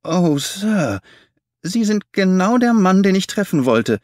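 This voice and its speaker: A man doing a small, nervous man from a storybook reading. He whimpers in a high, shaky voice and swings sharply in tone. The sound is close and dry. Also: big pitch swings, normal speed, dry recording. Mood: eager. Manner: whimpering, trembling. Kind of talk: audiobook character voice.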